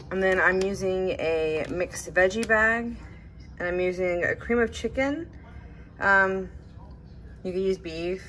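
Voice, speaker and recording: A young woman, chatting casually as she cooks in her home kitchen, with plenty of ums and a relaxed, unhurried way of talking. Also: fairly low pitch, slight background noise. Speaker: home cook vlogger. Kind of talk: casual cook-along narration.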